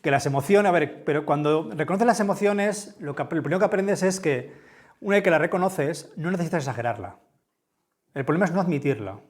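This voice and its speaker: A man from with a big, booming voice gives a conference talk in a lecture room, speaking conversationally and often checking in with his listeners. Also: brisk. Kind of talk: conference talk with audience questions.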